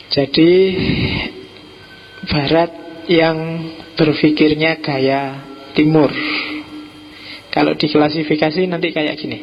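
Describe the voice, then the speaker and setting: A middle-aged man with a Javanese accent giving an informal, relaxed philosophy lecture to a class, teasing his listeners now and then. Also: a little high, creaky, muffled recording, slight background noise. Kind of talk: informal lecture to a live audience.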